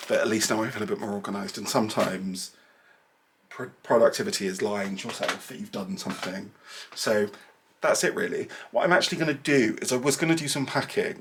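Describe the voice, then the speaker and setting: A knitting vlogger from southern England, speaking with a southern English accent in a lowish voice, chats casually to his camera mic in a small, cluttered room at home. He rambles with self-deprecating asides and sounds a little nasal and bunged up.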